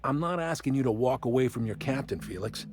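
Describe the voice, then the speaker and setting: Casting: man as older pompous revolutionary for game dialogue, condescending speechmaker, clear music underneath. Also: medium pitch, lively intonation, brisk, lightly acted. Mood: grand, persuasive. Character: grizzled old male revolutionary, condescending and grandiose.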